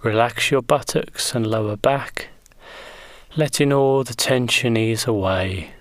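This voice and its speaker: Man, relaxation guide, soothing gentle delivery, very unhurried, dry recording. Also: medium pitch, no echo. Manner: slow, soothing, gentle instructions. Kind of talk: guided progressive muscle relaxation.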